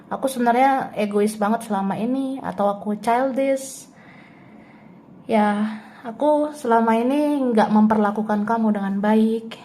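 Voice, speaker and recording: A woman's voice: a little high, unhurried, dark tone, a little hiss or hum. A woman doing a casual tarot reading who chats freely, laughs often and speaks the other person's thoughts in the first person. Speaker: tarot reader.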